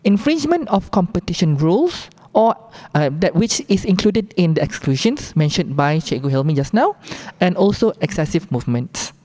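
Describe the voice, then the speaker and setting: A woman with a Malaysian accent explains rules in a briefing. Her voice is soft-edged and mellow, sitting slightly low, and she goes through things instructively, point by point. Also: big pitch swings, moderate pace, few pauses. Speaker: competition briefing presenter.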